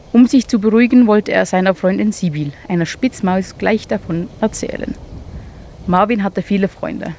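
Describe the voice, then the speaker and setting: A woman reading a children's animal story aloud in a calm, inviting, measured way. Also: mid-range voice, a little hiss or hum.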